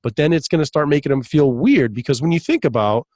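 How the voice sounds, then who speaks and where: A hypnotist appearing as a podcast guest tells a long story in a relaxed chat, talking fast in a somewhat high voice. He's animated, laughs often, and raises his voice when acting out what other people said. The recording is dry and close to the mic.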